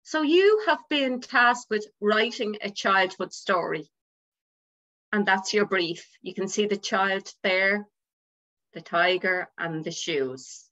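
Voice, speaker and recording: A woman with a bright, tense voice moderates a speaking club meeting, briskly thanking speakers and calling on the next one. Her voice comes over a video call, and the audio sounds muffled and lo-fi. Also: medium pitch, lively intonation. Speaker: topic master at a speaking club.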